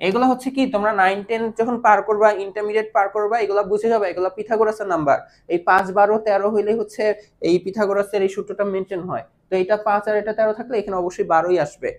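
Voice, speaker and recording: A woman's voice: medium pitch, a little mellow. Patient woman teaching math. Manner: patient, keeps checking understanding with questions; mixes English math terms into her speech. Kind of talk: online math lesson.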